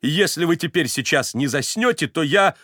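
A man's voice: on the high side, expressive, moderate pace, fairly bright tone, no echo, clean studio sound, voice pushed up. A man voicing an imperious, hot-tempered middle-aged noblewoman in an audiobook reading, commanding and scolding. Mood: furious. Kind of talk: audiobook character voice.

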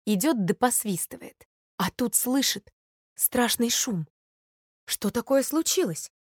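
A woman narrating a fairy tale in a calm, even storybook reading. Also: fairly high pitch, slow pace, husky, no echo, clean studio sound.

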